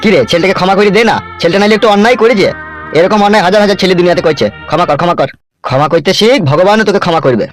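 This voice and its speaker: A man's voice: high voice, very fast, faint music behind, close to an everyday voice. A man voicing an older uncle who lectures and coaxes his family toward peace in a comedy cartoon. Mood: coaxing. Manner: coaxing, lecturing. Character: older uncle, calm peacemaking village elder.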